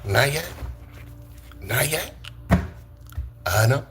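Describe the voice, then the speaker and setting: A man's voice: medium pitch, animated, very slow, music in the background. A man from Brooklyn, chatting playfully with viewers on a live tarot stream, joking and swearing freely. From Brooklyn, New York.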